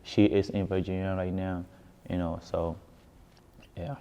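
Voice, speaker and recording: Unhurried and flat in delivery, a man with a low, dark voice shares his story as a musician in a casual interview. He grew up in Ghana, speaks with a Ghanaian accent, and often repeats words for emphasis. Recorded in an echoey hall, the audio is dull and muffled.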